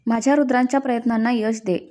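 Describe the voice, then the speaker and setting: Brief: woman reader doing a gentle, prayerful mother, mellow, a bit high. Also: steady tone, fast, lightly acted. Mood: soothing prayerful. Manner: soothing, prayerful. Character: worried, devout middle-aged mother.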